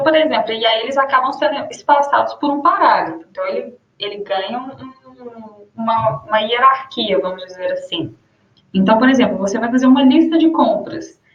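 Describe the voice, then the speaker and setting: Brazilian woman teaching grammar, echoey room. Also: high-pitched. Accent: Brazilian Portuguese. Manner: explains with spoken examples, slows to dictate punctuation. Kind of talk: grammar lesson. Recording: roomy muffled lo-fi room sound.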